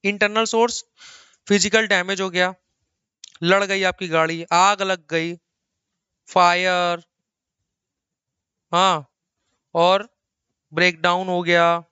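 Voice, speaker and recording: A middle-aged man delivers a recorded accounting lecture from a small room at his laptop, lively and chatty. His voice is bright and crisp, and he teases his students and repeats words for emphasis. The recording is dry and a little dull. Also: sits high, slow pace, long pauses, no room sound. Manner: chatty, teasing asides to students. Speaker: accounting teacher.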